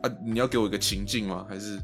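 A man's voice: fairly low pitch, steady tone, rapid-fire, a bit bright, faint music behind. A man co-hosting a podcast, rambling and hesitant in casual chat, with the odd swear word. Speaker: podcast co-host.

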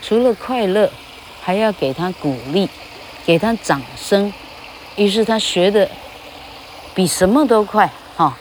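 A woman's voice: mid-range voice, a little slow, pauses often, a little hiss or hum. An older woman, a retired English teacher giving a casual spoken monologue, speaking of herself in the third person and tagging her phrases with little "ha" sounds.

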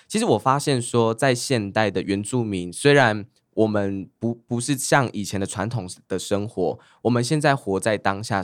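A man's voice: on the low side, dry recording, clean studio sound. A man co-hosting a panel, chatting casually and thinking aloud with frequent fillers.

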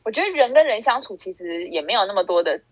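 A woman's voice: mid-range voice, very animated, fast, breathy edge, highs cut off. A young woman speaks, chatting casually on a podcast. She rambles and restarts her sentences. The sound is dry and close, with no room echo. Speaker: podcast co-host. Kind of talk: casual chat.

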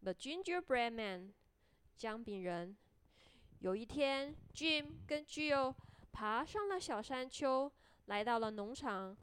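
A woman narrating a children's story in a gentle, sing-song way. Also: sits high, smooth.

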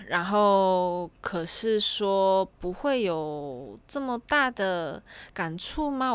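A woman's voice: lowish voice, a bit bright. A young woman, telling a casual story to camera and chaining her thoughts with constant "and then"s. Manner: rambling, chains clauses with "and then".

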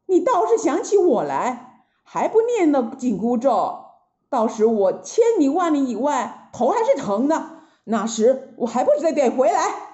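A woman voicing the monkey king, a loyal and mischievous male monkey, in a high, pleading and indignant voice. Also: sing-song, unhurried, dark tone, echoey room. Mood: wary. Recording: slightly dull lo-fi recording.

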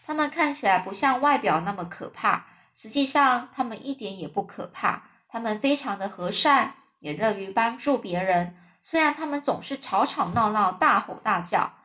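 A woman reading a children's story aloud in a lively, chatty way, adding casual fillers. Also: on the high side, normal speed, few pauses.

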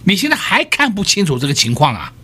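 A man's voice: high voice, wildly swooping pitch, quick pace, bright, forceful tone, slightly rough. A man hosting a radio stock market show, talking emphatically and firing rhetorical questions at listeners. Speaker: stock market analyst host.

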